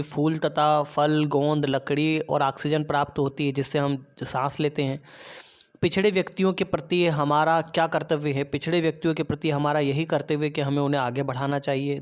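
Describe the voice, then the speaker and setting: A man teaching an online class, working step by step through textbook questions with fillers and restarts. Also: on the high side. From India.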